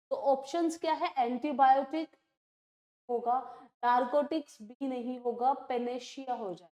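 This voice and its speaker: High-voiced woman teaching an exam class. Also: darkish tone. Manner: explains in Hindi mixed with English, asks "clear?" and reads definitions slowly. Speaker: English teacher. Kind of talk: exam-prep lecture.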